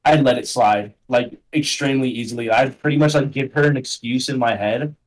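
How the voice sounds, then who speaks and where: A man's voice: medium pitch, fairly even intonation, fairly quick, low-quality recording. A young man chatting casually as a podcast guest, rambling in slang and filling his talk with "like" and "bro". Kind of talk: casual chat.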